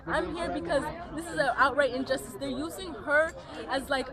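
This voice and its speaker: A woman's voice: high voice, moderate pace. A young woman protester speaking emphatically in an interview, often saying "like". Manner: emphatic, uses "like" a lot. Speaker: student protester. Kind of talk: impassioned street interview. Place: outdoors at a protest. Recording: outdoors amid loud crowd.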